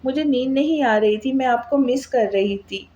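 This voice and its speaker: A woman's voice: high voice, normal speed, dark tone, lo-fi sound, close to an everyday voice. A woman voicing a pampered, sulky little sister who pouts and clings in a read-aloud novel. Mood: pouty. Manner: pouty, clingy.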